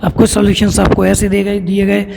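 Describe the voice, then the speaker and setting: Gravelly high-voiced man teaching class. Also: level tone. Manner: explains step by step, reads English lines slowly, then restates them. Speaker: school science teacher. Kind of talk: classroom lesson explanation. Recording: echoey room with clear noise.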